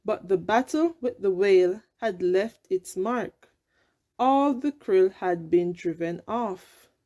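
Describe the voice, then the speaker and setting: A woman reads a children's story aloud at a slow pace. Her voice sits at an average pitch, and she tells the tale deliberately and with expression. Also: warm tone, highs cut off. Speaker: storybook reader. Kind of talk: children's read-aloud narration.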